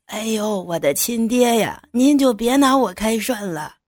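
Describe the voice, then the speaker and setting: A woman doing a crude gravelly young hustler. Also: medium pitch, very animated, a little slow, no room sound, studio quality, full character voice. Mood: fawning. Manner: coarse, leering, then fawning. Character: crude swaggering young male contractor. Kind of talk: audiobook character voice.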